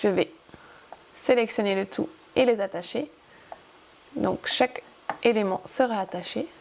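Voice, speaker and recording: A woman's voice: mid-range voice, unhurried, creaky, slight background noise. A woman hosting a casual crafting tutorial, chatty and upbeat as she guides viewers step by step. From France.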